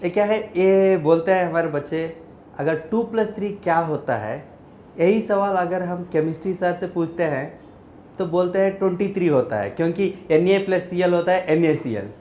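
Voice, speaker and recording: A man's voice: high-pitched, moderate pace, darkish tone, slight background noise. A male math teacher telling a joke about subject teachers in a humorous way, mixing Hindi and English. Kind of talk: joking anecdote. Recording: roomy echo.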